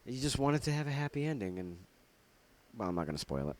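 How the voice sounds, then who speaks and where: A man's voice: medium pitch, sing-song, fast talker, very noisy. A man casually showing off his laserdisc collection, jokey and rambling, with puns and asides. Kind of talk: casual show-and-tell vlog.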